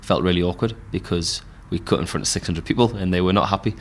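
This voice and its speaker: A Geordie man, a podcast host and musician, telling stories in a relaxed pub chat full of fillers. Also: low-pitched, fast talker, slight background noise. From Newcastle, England. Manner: relaxed storytelling with frequent fillers.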